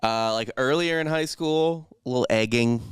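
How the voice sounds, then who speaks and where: A man on a podcast telling a rambling, crude story in a deadpan way during a casual chat. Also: medium pitch, moderate pace, clear, resonant tone, dry recording, clean studio sound.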